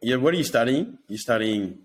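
A man's voice: mid-range voice, animated, a little fast. A young Australian man with a broad accent chatting casually as a podcast host, with blokey, laid-back slang. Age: young adult. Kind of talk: casual chat.

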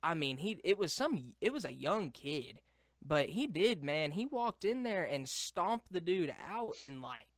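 A man's voice: a little high, sing-song, unhurried, no echo, studio quality. A young man co-hosting a casual podcast, rambling and swearing, laughing often as he tells stories. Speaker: podcast co-host. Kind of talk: casual chat.

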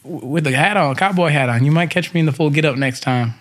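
A man's voice: a little high, brisk. A man from Texas with an American accent, chatting casually and slangily as a show co-host. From Texas, United States. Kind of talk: casual chat.

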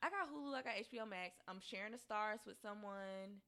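A woman co-hosting a podcast in casual chat, animated and talking in quick asides with frequent laughs. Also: medium pitch. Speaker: podcast co-host.

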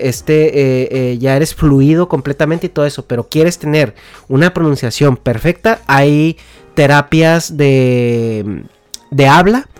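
Hosting a podcast, a man with a fairly high, clean-toned voice and a Mexican Spanish accent explains topics in a relaxed way, full of slang, fillers and restarts. The recording is dry.

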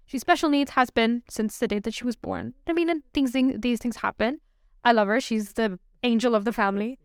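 High, smooth-voiced woman co-hosting. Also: brisk, no echo, studio quality. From Pakistan. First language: Urdu. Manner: animated, emphatic, repeats herself for stress. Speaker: podcast co-host. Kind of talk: casual chat.

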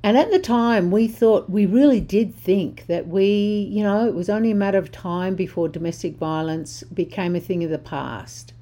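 Her voice going, an older woman delivers spoken commentary on social justice as a talk host, conversational but passionate and blunt. She's medium-pitched and dark in tone, moving at a moderate pace with few pauses.

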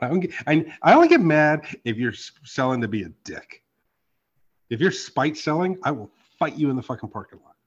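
A man hosting a casual podcast chat, animated and profane, swinging from loud outbursts to low asides. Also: dull audio. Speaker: podcast host and card artist.

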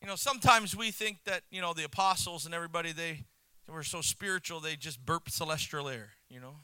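A male missionary preacher delivering a sermon, telling the story with animation, chuckling between points and swinging into shouts. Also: a little high, fast talker, clean tone, dry recording, low-quality recording.

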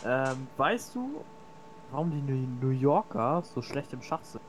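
A man's voice: medium pitch, very animated, unhurried, background noise. A young man co-hosting a casual podcast chat, slangy and swearing, often incredulous. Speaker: podcast co-host.

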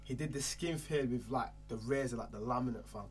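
A young man with a London roadman accent tells an animated anecdote in casual, slangy chat, repeating phrases for emphasis. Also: mid-range voice, fairly quick, faint music behind.

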